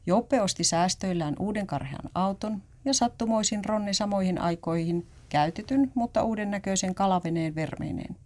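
A woman narrating a story aloud in a calm, even storytelling manner. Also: medium pitch.

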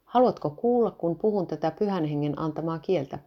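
A woman's voice: low-pitched, animated. A woman reading the lines of an earnest, devout young male pastor speaking to his father. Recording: dull lo-fi recording.

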